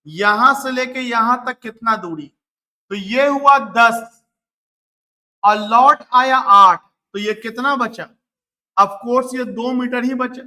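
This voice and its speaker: In a classroom physics lecture, a man with a very high, pushed, bright voice asks his students questions and answers them himself. He repeats key numbers and adds motivational asides for the class.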